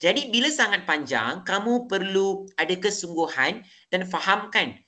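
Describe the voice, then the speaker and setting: A woman's voice: medium pitch, lively intonation, moderate pace, sharp tone. A young woman with a Malaysian Malay accent, teaching a class and asking the pupils questions as she explains. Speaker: teacher in a simulated lesson. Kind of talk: classroom lesson presentation.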